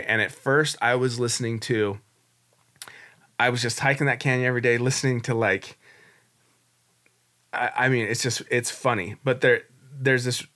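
A man in his forties appears as a podcast guest, telling his story in a casual interview setting. His mid-range voice has a sharp tone, and he speaks candidly and reflectively, rambling as he goes.

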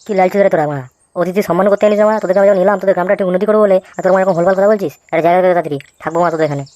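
A boastful, foul-mouthed male neighborhood don from a comic cartoon, voiced by a woman, threatening everyone around him. The voice sits on the lower side and the words come quickly. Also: steady tone, mellow, dry recording, natural voice. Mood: blustering. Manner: boastful, threatening, heavy cursing.

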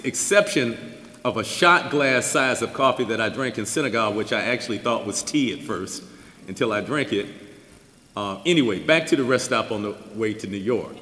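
Older male keynote speaker reading his essay, even and wry, in a reverberant church hall. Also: mid-range voice. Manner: measured reading with dry asides and chuckles. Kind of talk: reading a personal essay aloud. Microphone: stand mic at a lectern. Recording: roomy hall with long reverb.

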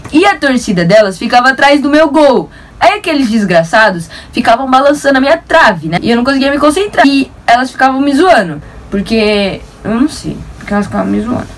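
A young woman vlogger with a São Paulo Brazilian accent tells a story in a quick, animated, slangy and self-mocking way. Her voice sits a bit high for a woman. It is recorded from slightly off the mic, with faint background noise. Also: distant mic. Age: young adult. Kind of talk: casual storytelling to camera.

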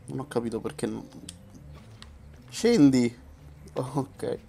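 A man's voice: medium pitch, steady tone, brisk, darkish tone, slight background noise. Casual man commenting on gameplay. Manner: colloquial, mild swearing. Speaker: gamer.

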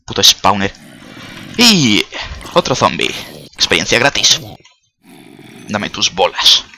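This gaming creator, not a native Spanish speaker, talks slowly over his gameplay, with big swings in pitch from a fairly low base and a creaky, pushed, bright sound. His casual commentary is chatty and jokey, heavy on swearing and startled outbursts. Slight background noise is present.

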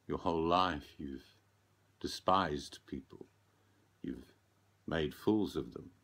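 A man voicing a solemn talking raven who is Death, passing judgement slowly and portentously in a storybook tale. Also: rumbling low, creaky, fairly bright tone, heavily acted. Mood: accusing. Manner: slow, portentous, accusing. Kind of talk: storybook character voice.

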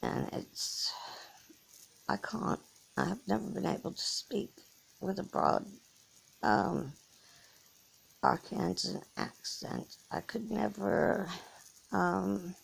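The audio is poor, with slight background noise, as a middle-aged Norfolk vlogger talks from bed into a phone held close over her face. She rambles slowly and haltingly with many restarts and fillers, in an English accent tinged with American Southern. Her mid-range voice is gravelly and swings widely in pitch.

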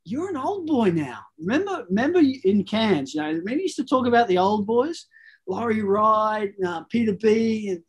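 A man in his forties, a guest on a video call, telling stories in a laid-back, halting way. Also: high-pitched, very animated, breathy edge. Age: 40s. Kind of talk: casual interview chat.

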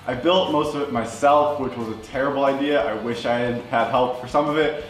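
A man's voice: medium pitch, steady tone, a little fast. Young guy vlogging from his basement, upbeat and chatty, roomy echo, bit of music under it. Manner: upbeat, chatty, self-deprecating. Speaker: video creator and host. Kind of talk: casual behind-the-scenes vlog. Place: basement set, indoors. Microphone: handheld camera at arm's length and seated interview. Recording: echoey basement room with faint music.

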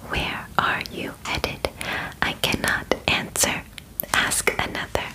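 Playing a female alien examiner who is polite and matter-of-fact, a woman in her 20s whispers softly and breathily in an ASMR clip. She uses formal wording in a gentle, measured, halting way with small pauses. The recording, made in a small bedroom, is rough.

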